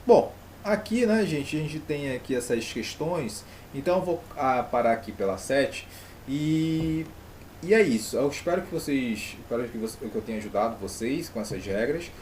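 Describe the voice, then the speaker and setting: A man's voice: mid-range voice, animated, normal speed, a little mellow, slight background noise. A man with a Brazilian Portuguese accent, teaching an online grammar lesson and putting rhetorical questions to his pupils.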